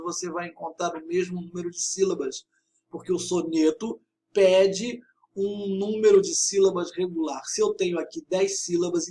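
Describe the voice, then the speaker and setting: A man with a fairly high voice teaches poetry in a video lesson. He explains patiently and stresses syllables as he reads verse aloud. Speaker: literature teacher.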